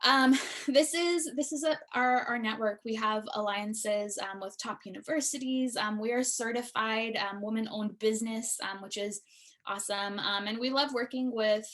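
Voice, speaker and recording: A woman's voice: on the high side, moderate pace, fairly bright tone. A woman immigration attorney presenting a webinar in an earnest, friendly way, with frequent "um" fillers. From born in Iraq, raised in the United States.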